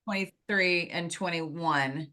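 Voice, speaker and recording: A woman's voice: on the low side, slow, pushed and bright. A woman in her fifties hosting a casual podcast interview, playful and teasing, often laughing. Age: 50s. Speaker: podcast host.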